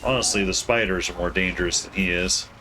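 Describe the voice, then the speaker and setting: A man's voice: low-pitched, steady tone, a little fast, sharp tone, soft background music. A man streaming a video game from home, rambling casually and correcting himself as he plays. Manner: rambling, mumbling, self-correcting. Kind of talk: casual gameplay commentary.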